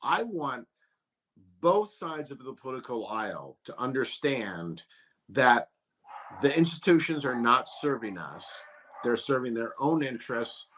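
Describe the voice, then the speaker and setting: A man who is an author, answering interview questions in a measured, hesitant way with many fillers. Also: mid-range voice, big pitch swings, a bit bright. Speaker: author guest.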